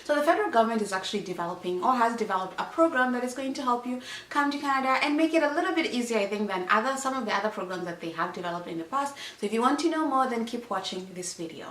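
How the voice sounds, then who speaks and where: A woman's voice: fairly high pitch, lively intonation, very fast, a bit bright. A woman born in Congo and raised in Kenya, hosting a casual explainer vlog in an upbeat, chatty way and laughing often. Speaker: vlogger. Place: home in British Columbia, indoors. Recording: echoey room.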